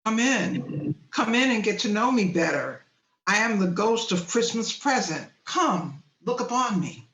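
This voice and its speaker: A woman voicing a warm, stately female Christmas spirit who speaks in slow, solemn pronouncements over a video call. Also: mid-range voice, animated, reverberant, low-quality recording.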